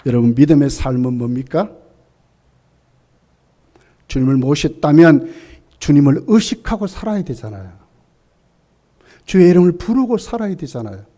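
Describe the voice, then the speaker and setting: A male pastor with a notably high-pitched voice delivers an emphatic sermon. He presses his points with repeated rhetorical questions that climb in pitch and force. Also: animated, moderate pace, long pauses. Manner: emphatic preaching, rising to loud peaks on repeated questions.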